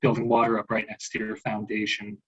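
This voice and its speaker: A man's voice: lowish voice, monotone, a little fast, husky. A man hosting a webinar over a video call in a friendly way, reading out audience comments. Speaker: webinar moderator. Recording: dull lo-fi video call audio.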